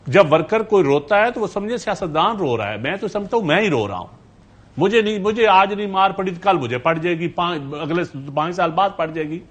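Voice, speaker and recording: A man in a TV studio, debating heatedly as a political guest. His voice sits high for a man and swings widely in pitch as he argues. He talks over the others and pushes back hard. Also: lively intonation. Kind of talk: heated TV talk-show debate.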